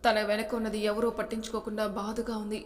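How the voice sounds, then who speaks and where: A woman's voice: medium pitch, completely flat delivery, fairly quick. Woman narrator, voice in long reverb. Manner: narrates and voices every character. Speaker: storyteller. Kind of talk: romance story narration.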